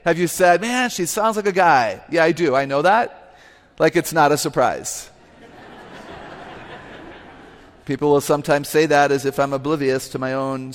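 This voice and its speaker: A guest speaker and author with an unusually low voice delivers a lively, humorous talk into a stage microphone before a live audience. She is emphatic and laughs at herself, and the hall gives a long reverb.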